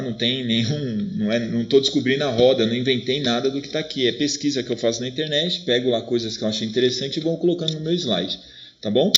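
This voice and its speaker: A man's voice: mid-range voice, muffled recording. A man teaching a literature class with a Brazilian Portuguese accent, talking through his slides in a conversational way and often checking in with his students. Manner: conversational, keeps checking in with "né?" and "tá bom?". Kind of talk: recorded online class with slides.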